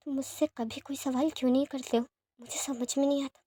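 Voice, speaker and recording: A woman voicing a gentle, sick young man who speaks softly and apologetically, in a fan-fiction story reading. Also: high voice, little pitch movement, a little fast, no room sound, natural voice. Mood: hushed. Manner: soft, hushed and apologetic.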